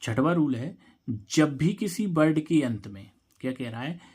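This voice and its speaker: With a fairly high, expressive voice that's a little mellow and breathy, a man unhurriedly teaches a classroom-style English spelling lesson. He asks a question and answers it himself, spelling words letter by letter.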